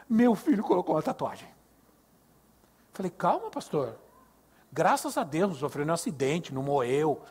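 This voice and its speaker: A man's voice: fairly high pitch, slightly rough. An older man with a Brazilian Portuguese accent, preaching a sermon at a youth service, telling stories and asking the congregation questions. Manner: animated, acts out dialogue, asks the congregation questions. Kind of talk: sermon with storytelling.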